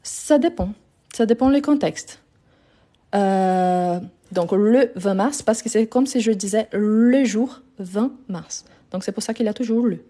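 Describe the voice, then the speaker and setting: A woman's voice: mid-range voice, unhurried, mellow. A woman teaching a live online French lesson, explaining grammar patiently step by step and often checking in with her viewers.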